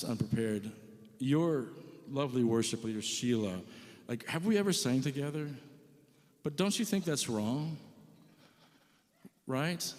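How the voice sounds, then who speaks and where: A man's voice: mid-range voice, a little mellow. A man chatting casually and joking between songs at a church service, self-deprecating and rambling. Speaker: church musician. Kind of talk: casual stage banter and singing with guitar. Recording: live with long reverb and guitar.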